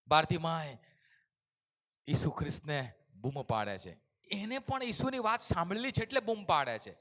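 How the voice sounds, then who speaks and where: A male pastor preaching a sermon with great passion, going from quiet, low lines to loud shouts and dropping English words into his talk. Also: sing-song, moderate pace, in a large hall.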